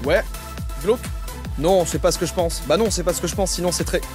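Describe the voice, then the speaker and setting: A young man hosting a comedic reaction video, mocking and exasperated, often bursting into shouts. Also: sits high, brisk, music in the background. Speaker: YouTube reaction host.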